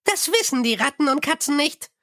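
A tiny, proud goblin clerk speaks in a squeaky, very high voice. He rattles off figures quickly and formally, like a pedantic bookkeeper in a storybook. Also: animated, pushed and bright, dry recording, studio quality, exaggerated voice. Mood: eager. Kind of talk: audiobook character voice.

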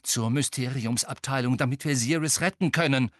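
A man voicing a desperate teenage boy who urges his friends on with loud, urgent outbursts. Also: mid-range voice, normal speed, dry recording, clean studio sound, close to an everyday voice. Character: frantic teenage boy wizard, desperate and shouting.

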